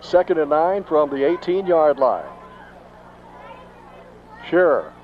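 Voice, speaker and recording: A man with a Texan accent calling high school football play-by-play, excitable and rising sharply on big plays. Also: takes it slowly, a faint crowd. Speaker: play-by-play announcer. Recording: dull lo-fi 1990s broadcast tape, faint noise.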